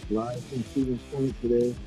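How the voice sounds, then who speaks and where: A man's voice: mid-range voice, flat delivery, normal speed, warm tone, slightly rough, no room sound, soft background music. A man calling into a radio talk show by phone on speakerphone, giving brief, offhand replies over a hollow-sounding line. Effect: phone call on speakerphone. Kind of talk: casual chat.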